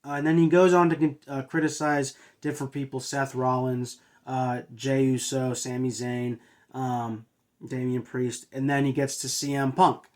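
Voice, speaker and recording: A man's voice: medium pitch, little pitch movement, normal speed, a little mellow. Man recapping, full of uhs. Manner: hesitant, filler-heavy with frequent uhs and restarts. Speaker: wrestling show reviewer and host. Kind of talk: casual spoken recap.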